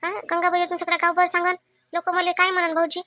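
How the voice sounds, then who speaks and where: Cartoon: high, fast, pleading widowed aunt, voiced by a woman, Vidarbha Marathi accent. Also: monotone, sharp tone, no room sound, studio quality. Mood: hurt. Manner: pleading, self-defending. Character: meek childless widowed aunt, wronged. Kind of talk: cartoon family comedy.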